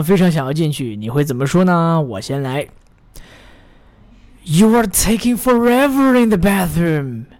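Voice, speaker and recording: Encouraging male English teacher. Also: medium pitch. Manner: models phrases slowly, then pauses for the listener to repeat; encouraging, praises the learner often. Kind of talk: English pronunciation drill lesson.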